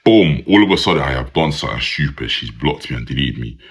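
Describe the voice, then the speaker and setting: A young British man telling dating stories to camera in a casual, animated way, ending his lines with "bro". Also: rumbling low, fast, slightly rough. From United Kingdom.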